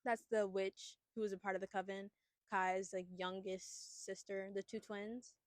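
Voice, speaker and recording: A woman's voice: mid-range voice, level tone, measured pace, no echo. A young woman co-hosting a podcast, casually retelling a horror movie plot in a chatty, rambling way. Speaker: podcast co-host. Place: outdoors at a picnic.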